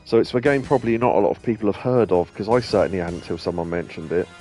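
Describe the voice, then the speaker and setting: A gaming streamer and host talks his way through a video game in relaxed let's-play commentary, wandering off track with plenty of ums and restarts. He has a low, warm voice and speaks fast over soft background music.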